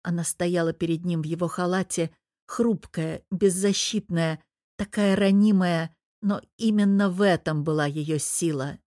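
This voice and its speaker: A woman's voice: on the low side, steady tone, a little slow, mellow, no echo. Woman narrating an audiobook, dry close sound. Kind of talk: scripted narration of a romance novel.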